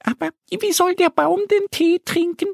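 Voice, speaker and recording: A man voicing a small, eager girl duckling in a children's audio story, in a high, breathy childlike voice. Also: fairly even intonation, normal speed, dry recording, clean studio sound. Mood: cheerful.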